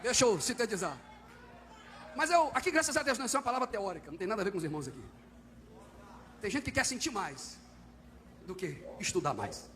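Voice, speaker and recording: A man preaching a fiery church sermon, swinging from quiet, close talk up to shouted, high-pitched calls to the congregation. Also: very animated, quick pace, long pauses. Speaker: visiting preacher. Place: church service.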